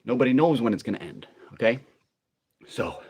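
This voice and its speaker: A man's voice: medium pitch, expressive, moderate pace, noisy background. A middle-aged man hosting a live workout, talking casually and in a rambling, conversational way to his viewers. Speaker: livestream workout host. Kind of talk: casual livestream chat during a workout.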